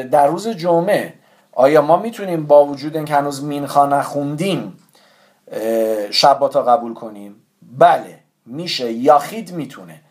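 Man, somewhat high-voiced, teaching a religious lesson in a careful, instructive way. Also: darkish tone. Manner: careful, explanatory, stresses correct pronunciation.

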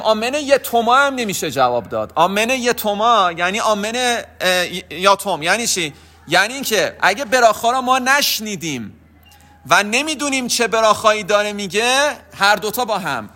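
Man, religious teacher, high bright voice, patient explainer. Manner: explanatory, patient, repeats key points. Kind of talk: religious lesson.

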